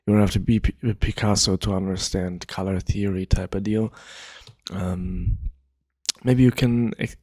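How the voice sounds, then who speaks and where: A man giving a relaxed, rambling explanation of a game concept, full of fillers and loose asides as he talks. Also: deep voice, measured pace, dry recording, studio quality. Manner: laid-back, rambling, many fillers. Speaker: gaming video creator. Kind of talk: casual explainer monologue.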